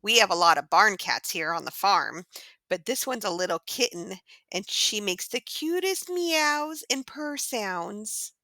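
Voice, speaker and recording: A cute, cheerful little pixie pig, voiced by a woman, hosts a children's farm-sounds lesson. He talks slowly in a bright, clear voice. He gushes and keeps urging the kids to try along, and the recording is close and dry. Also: medium pitch, expressive, no room sound. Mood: sweet, encouraging. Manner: gushing, encouraging, asks kids to join in. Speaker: children's show host.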